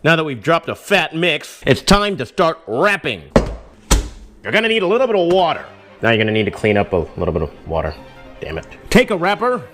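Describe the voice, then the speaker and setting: Male cooking host, goofy and drunkenly giggly, fairly high voice, joking delivery, faint music behind. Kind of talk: casual, jokey cooking lesson.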